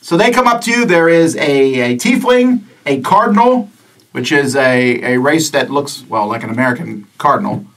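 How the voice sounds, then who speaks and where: A man's voice: mid-range voice, lively intonation, normal speed, a bit bright. Distant male game master, rambling. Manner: casual, rambling with restarts. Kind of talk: narrating a tabletop game. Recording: distant mic in a room.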